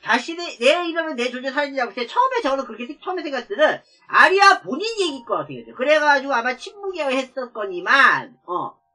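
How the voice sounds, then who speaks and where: A woman playing a video game and commenting as she goes, talking to viewers and exclaiming loudly when startled. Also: high-pitched, big pitch swings, quick pace, few pauses. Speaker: game streamer. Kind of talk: let's play commentary.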